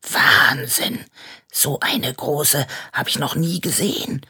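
A woman's voice: low voice, slow, bright, forceful tone, breathy edge, heavily acted. A woman reading aloud, voicing a cocky young boy who plays sheriff and often speaks in a conspiratorial whisper.

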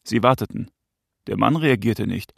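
Gravelly male audiobook narrator. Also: lowish voice, no room sound, studio quality. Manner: measured, tense storytelling. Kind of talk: audiobook narration of a crime novel.

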